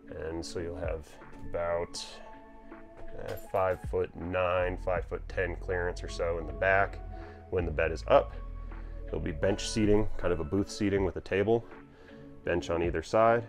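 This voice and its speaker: A man casually walking through his camper van build, explaining plans in a plain, practical way. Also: low-pitched. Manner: plain, practical, talks while pointing things out. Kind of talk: casual walkthrough narration. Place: inside a cargo van in a workshop.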